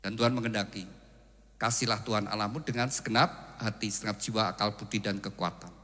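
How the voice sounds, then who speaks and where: A man preaching a wedding sermon, animated and acting out quoted husbands and wives. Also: on the low side, brisk. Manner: animated preaching, acting out quoted spouses and mixing in Javanese phrases. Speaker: pastor. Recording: long hall reverb.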